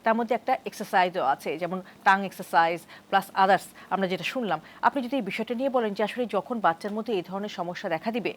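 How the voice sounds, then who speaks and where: Fast-talking woman TV host, mid-pitched, guiding. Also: a little hiss or hum. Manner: brisk, guiding, names each guest. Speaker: TV talk show host. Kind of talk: moderating a studio panel.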